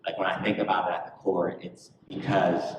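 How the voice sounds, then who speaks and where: Student director guy, deep voice, kinda preachy, mic far off. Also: little pitch movement, a little fast, noisy background. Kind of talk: earnest ministry talk. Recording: echoey room from a distant mic.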